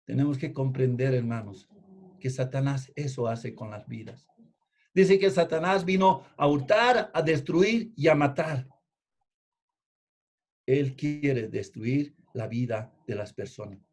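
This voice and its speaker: A man preaching a sermon, emphatic, repeating key phrases and swinging between loud and hushed delivery. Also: medium pitch, a little slow. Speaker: pastor.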